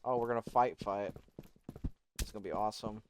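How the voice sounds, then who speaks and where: A young man playing a video game with a friend, loud, laughing and swearing as he taunts. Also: on the low side, brisk. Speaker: gamer recording a gameplay video. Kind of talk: excited gaming chat with a friend. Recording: noisy gaming mic.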